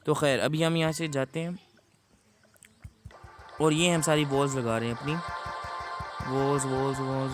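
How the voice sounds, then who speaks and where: A man giving chatty, casual gameplay commentary to his viewers. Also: medium pitch. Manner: chatty, addresses viewers as guys. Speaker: gaming YouTuber.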